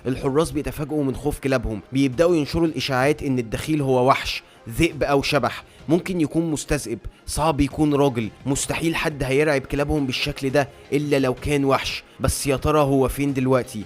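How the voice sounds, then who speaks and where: Male comic-recap narrator, Egyptian accent, rapid dramatic telling, average pitch. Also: steady tone, soft background music. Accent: Egyptian Arabic. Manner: brisk, dramatic storytelling. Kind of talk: comic book story recap.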